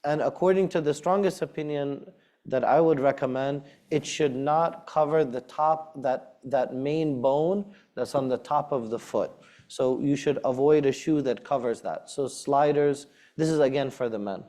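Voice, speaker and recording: An imam addresses his congregation in a direct, conversational way. His voice is warm and mellow, pitched in an ordinary middle range, and he repeats key words to stress them. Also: a little slow. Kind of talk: practical advice talk to a congregation.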